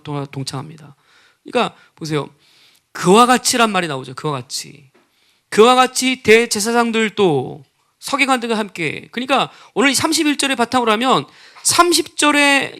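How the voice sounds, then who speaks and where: A man's voice: high-pitched, sharp tone. A male pastor preaching a sermon, with frequent rhetorical questions and acted-out quotes of scoffers.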